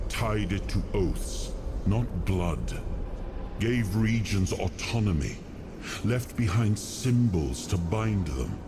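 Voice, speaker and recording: An actor playing a weary, solemn, noble king in a video game, speaking in a grave, measured and deliberate way. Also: low voice, noisy background. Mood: bitter, disappointed. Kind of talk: dramatic video game cutscene acting. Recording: dramatic music behind the voice. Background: cinematic game music.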